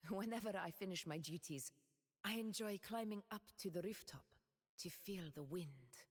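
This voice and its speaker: A woman voicing Augusta, a proud and steadfast warrior ruler, speaking her game voice lines in a solemn, measured, regal way. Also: mid-range voice, slightly rough, in a large hall, close to an everyday voice.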